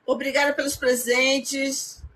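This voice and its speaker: A woman's voice: sits high, flat delivery, takes it slowly, fairly bright tone, poor audio. A woman hosting a casual live stream, exclaiming and thanking viewers by name.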